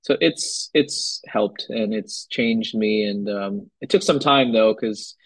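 A young man from Hawaii, a guest musician, talking in a loose, relaxed way full of fillers. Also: lowish voice, takes it slowly, dry recording, poor audio. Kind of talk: casual conversation.

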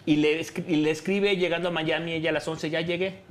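A man's voice: fairly high pitch, fairly even intonation, fairly quick, slight background noise. A Mexican man, a talk show guest, telling a story with slang and acting out the lines of the people in it. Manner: acts out quoted dialogue, slangy and joking.

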